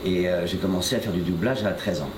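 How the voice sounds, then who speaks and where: An older voice actor with a low-pitched voice talks fast as he answers interview questions about his career, hesitating often with many fillers and restarts. The interview takes place in a shop, and the echoey room carries noise.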